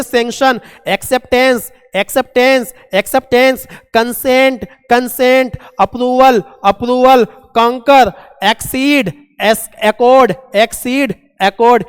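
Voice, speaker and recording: Male vocabulary teacher, high smooth voice, repeats and quizzes, hall reverb. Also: steady tone, unhurried. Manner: repeats words, quizzes students as "beta". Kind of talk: exam-prep vocabulary lesson.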